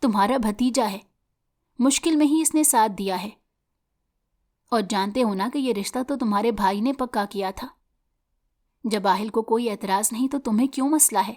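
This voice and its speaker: A woman's voice: fairly high pitch, long pauses, a little mellow, close to an everyday voice. Older auntie scolding, reproachful, read by a woman. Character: older female family elder, reproachful.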